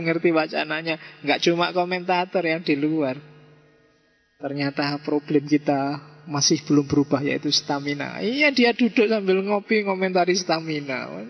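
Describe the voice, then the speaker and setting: A man's voice: fairly high pitch, creaky. Joking Javanese-accented man lecturing in a hall. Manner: joking, conversational, teasing asides. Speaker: philosophy lecturer. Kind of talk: informal lecture. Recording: dull lo-fi sound in a reverberant hall.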